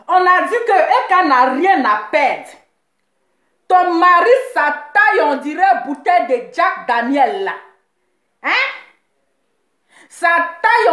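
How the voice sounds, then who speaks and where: High-voiced mocking woman host. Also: fairly bright tone, echoey room. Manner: teasing, sing-song mockery, repeats phrases. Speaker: live show host. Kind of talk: mocking live commentary.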